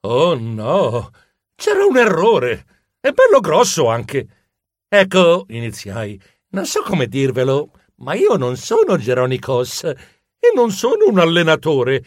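Male narrator for a children's audiobook, very animated, slightly high. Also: slow, no room sound, studio quality. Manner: lively, expressive storytelling. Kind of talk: first-person audiobook narration.

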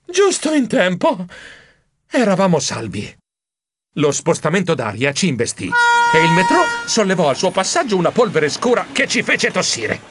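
A man narrating a children's audiobook in the first person, animated and expressive. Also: high voice, moderate pace, breathy edge.

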